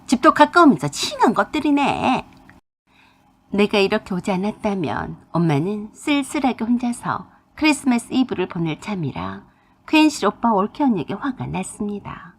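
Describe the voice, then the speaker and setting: A woman's voice: medium pitch, very animated, normal speed, creaky, darkish tone, breathy edge. A woman telling a personal family story in first-person narration, confiding and emotional.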